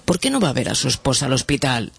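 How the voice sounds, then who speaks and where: A man's voice: mid-range voice, very animated, fast talker, creaky, breathy edge, exaggerated voice. A man reading a story aloud and voicing an indignant doctor who stresses every word. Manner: stern, emphatic, soothing at first. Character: stern adult male doctor, indignant, hot-tempered.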